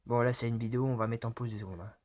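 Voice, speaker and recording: A man's voice: medium pitch, fairly even intonation, rapid-fire, very noisy. A man doing casual let's play commentary. He reads dialogue choices aloud and reacts with jokes and swearing. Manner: swears often, jokey reactions. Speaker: let's player.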